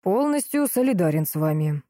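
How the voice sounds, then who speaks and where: A woman's voice: fairly low pitch, sing-song, normal speed, mellow, no room sound. Lady doing a cranky police colonel guy in an audiobook, dry and snappy, dry studio sound. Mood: exasperated. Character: grumpy, irritable middle-aged male police colonel.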